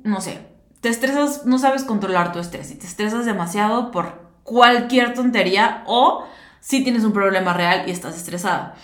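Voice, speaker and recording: A woman hosting a podcast, talking casually and directly to her listeners with lots of fillers. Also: on the high side. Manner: chatty, talks straight to listeners with many fillers. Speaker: podcast host. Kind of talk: casual monologue. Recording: roomy echo.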